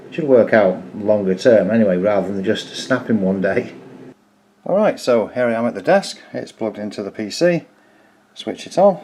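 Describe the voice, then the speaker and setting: A man hosts a casual DIY electronics tutorial, walking through each step in plain, informal language. His voice is medium-pitched and mellow, with a little hiss or hum in the recording.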